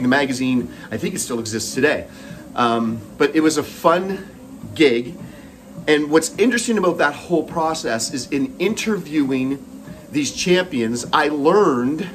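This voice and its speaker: A man's voice: mid-range voice, a little hiss or hum, low-quality recording. Canadian man talking while running on a treadmill. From Moncton, New Brunswick, Canada. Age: middle-aged. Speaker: host. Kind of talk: personal storytelling monologue.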